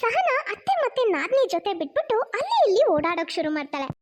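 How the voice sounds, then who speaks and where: Very high-voiced woman narrating a cartoon. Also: huge pitch swings, fast, slight background noise.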